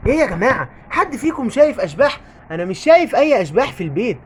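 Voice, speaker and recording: A woman with an Egyptian Arabic accent hosts a kids' toy channel and talks fast and animatedly to her viewers. Her voice sits a little high and swings lively. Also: slight background noise. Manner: animated, coaxing. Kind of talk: children's channel call to viewers.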